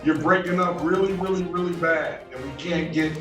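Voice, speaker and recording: A man's voice: on the high side, steady tone, normal speed, over music. A man presiding as a judge over a virtual hearing, heard over a video conference call, firm and curt, repeating words as he cuts in. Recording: echoey, distant conference call audio.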